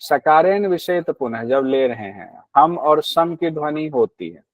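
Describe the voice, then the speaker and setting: A man's voice: a little high, expressive, measured pace, no room sound, phone-quality sound. A man teaching a class on a yoga text, explaining patiently, repeating key points and asking his students questions.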